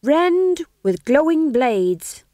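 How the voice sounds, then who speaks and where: A woman voicing a pompous male actor who declaims a speech slowly and theatrically. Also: high voice, very animated, dark tone, dry recording, clean studio sound, pitched above the performer's own voice, exaggerated voice. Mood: grandiose. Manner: grandiose, theatrical, slow declaiming.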